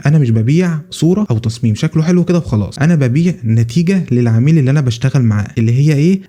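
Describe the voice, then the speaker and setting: Egyptian man, design tutor on a livestream; very quick delivery, deep mellow tone, chatty and jokey. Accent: Egyptian Arabic. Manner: joking, conversational, fast with quick restarts. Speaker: thumbnail designer teaching a livestream. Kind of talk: casual livestream lesson.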